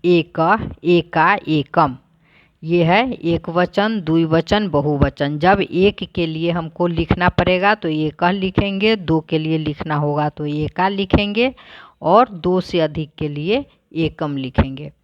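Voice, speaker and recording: A woman teacher who reads each word aloud, then explains it plainly, in a slow, deliberate lesson. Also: low voice, dry recording, lo-fi sound.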